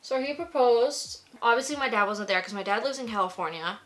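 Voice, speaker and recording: A young woman tells a story in a loose, chatty way while she works on her makeup, filling her sentences with "like". Her voice is bright and a little sharp. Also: on the high side, brisk, a little hiss or hum. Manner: gushing, filler-heavy with frequent "like". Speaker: beauty vlogger.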